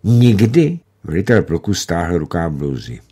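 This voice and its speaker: A man reads a war novel aloud for radio, measured and dramatic, slowing at tense moments. His voice is deep and husky, with a slightly rough edge. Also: animated, darkish tone. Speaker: narrator. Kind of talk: scripted narration of a novel.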